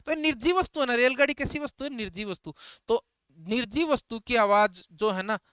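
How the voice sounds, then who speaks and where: A man's voice: very high-pitched, fairly quick, a bit bright, clean tone, no echo. A male teacher giving a grammar lecture, asking the class questions and answering them himself while repeating key terms.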